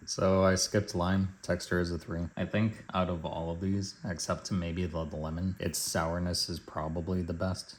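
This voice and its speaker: Deep-voiced man doing a casual candy review. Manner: measured, matter-of-fact delivery. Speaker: food reviewer.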